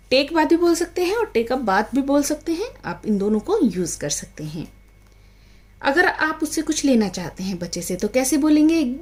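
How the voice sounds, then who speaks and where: High-voiced woman teaching parents. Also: darkish tone. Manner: mixes Hindi with English phrases, addresses viewers as friends; acts out a mother calling her child. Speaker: parenting tutor teaching English phrases. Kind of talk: casual home lesson to parents.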